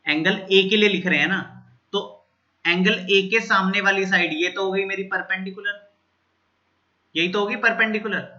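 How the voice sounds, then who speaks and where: Male maths teacher, high and very bright tone, lo-fi recording. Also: normal speed, pauses often. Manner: repeats steps and checks in with students. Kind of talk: whiteboard maths lesson.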